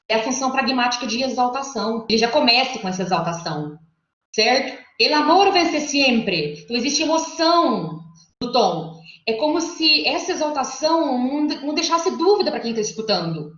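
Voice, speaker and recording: A woman's voice: on the high side, big pitch swings, moderate pace, fairly bright tone. A woman giving an academic lecture over a video call, explaining step by step and often checking in with her listeners. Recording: echoey, muffled online call audio.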